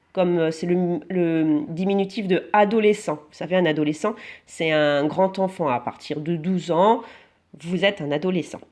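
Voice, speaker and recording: Woman, teacher, handwriting lesson for children, slow patient steps, encouraging praise. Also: mid-range voice. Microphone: camera held close to the writing.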